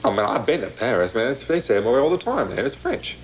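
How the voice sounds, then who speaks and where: A man's voice: mid-range voice, very animated, fast talker, a little hiss or hum, lightly acted. An actor playing a brash, boastful know-it-all man, loose, streetwise and cocky.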